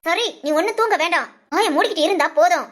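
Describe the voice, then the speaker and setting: A bitter young mother who scolds and complains nonstop, played by a woman. Her voice is high and bright, and her nagging comes fast and cutting in a homespun short drama. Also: expressive. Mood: scolding.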